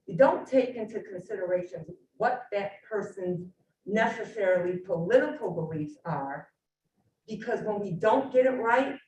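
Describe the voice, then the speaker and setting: A woman, a teacher, giving an earnest, measured public comment to a county legislature. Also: lowish voice, darkish tone. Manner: earnest, measured, pleading questions. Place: county legislature meeting room. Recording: echoey room from a distant mic, faint noise.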